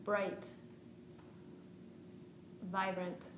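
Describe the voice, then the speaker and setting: A woman leads a guided meditation in a calm, meditative tone. She speaks slowly at a middle pitch, as a yoga teacher would. The room adds noticeable echo, with faint noise behind her.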